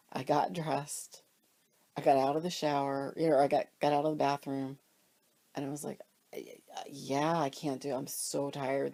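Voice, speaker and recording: With a low, creaky, warm voice, a cross stitch vlogger from Pennsylvania, US, sniffles through a cold while casually showing off her stitching purchases at home. She's chatty, rambling, and self-deprecating, staying off screen as a camera or phone films the fabrics.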